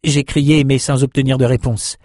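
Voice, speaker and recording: A man's voice: medium pitch, level tone, normal speed, a little mellow, dry recording, clean studio sound, natural voice. A man reading the part of a young male islander who tells, half mocking himself, how he was lost at sea. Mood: earnest. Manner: earnest, self-mocking storytelling. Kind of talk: audiobook character reading.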